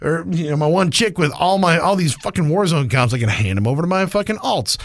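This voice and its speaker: A man's voice: fairly high pitch, animated, a little fast, no room sound. A man co-hosting a casual gaming podcast, ranting angrily and swearing heavily about the game. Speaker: podcast co-host.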